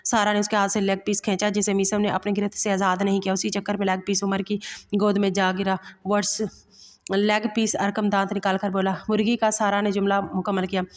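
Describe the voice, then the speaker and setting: A woman reading a romantic novel aloud as a storyteller, in a steady voice that stumbles and restarts now and then. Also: mid-range voice. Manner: even, steady reading with occasional slips and restarts. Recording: long hall reverb.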